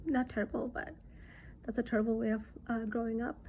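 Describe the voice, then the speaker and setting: A woman from Nepal, talking in an earnest, reassuring monologue that often drops into soft near-whispers. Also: fairly high pitch, moderate pace, a little hiss or hum. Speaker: self-reflection vlogger. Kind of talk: casual reflective monologue.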